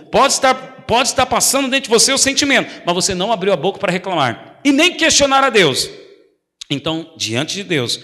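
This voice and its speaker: A man's voice: sits high, sharp tone, long reverb tail. A male pastor preaching a sermon, emphatic and repeating key phrases, calling for responses from the congregation.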